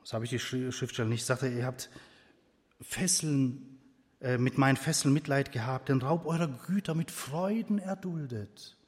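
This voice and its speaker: A man preaching a sermon and reading Bible verses, with loud emphatic bursts that drop into quiet, low asides. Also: normal speed, big-room sound.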